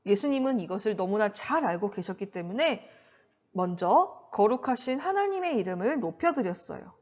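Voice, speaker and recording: A woman's voice: medium pitch, sing-song, normal speed, a little mellow. A woman giving a children's sermon in an exaggerated, sing-song presenter manner, much like a theme park character addressing kids. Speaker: children's Sunday school preacher. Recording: slightly dull, lo-fi recording.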